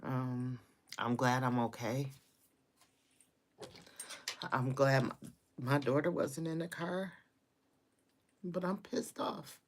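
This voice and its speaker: A woman's voice: extremely low pitch, takes it slowly, long pauses. A woman hosting a casual live stream, venting her frustration, repeating her greetings and complaints and swearing freely.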